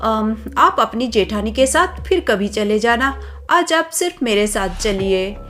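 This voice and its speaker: A woman's voice: on the high side, lively intonation, a little slow, fairly bright tone. A woman voicing a spoiled, scheming young wife who sweet-talks and boasts, in a cartoon story. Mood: coaxing. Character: scheming spoiled young wife, sticky-fingered sister-in-law.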